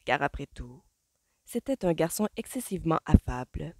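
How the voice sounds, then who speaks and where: A woman reading a novel aloud as an audiobook, with measured storytelling. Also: low-pitched, very animated, darkish tone, slightly rough, no echo, clean studio sound. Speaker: audiobook reader. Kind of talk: novel narration.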